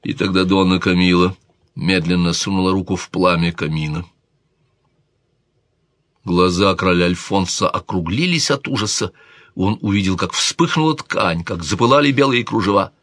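A man reading a historical romance aloud like an audiobook, expressive and theatrical in delivery. His voice sits low, and the recording is close and dry with no room sound. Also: normal speed, no room sound. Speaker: narrator.

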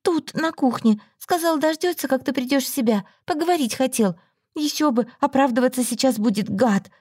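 Brief: a fussy, worried young woman friend, put on by a woman narrator, high and anxious, dry close audiobook sound. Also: darkish tone, husky, no room sound. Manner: anxious, fast-talking, high-pitched. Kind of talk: audiobook story reading.

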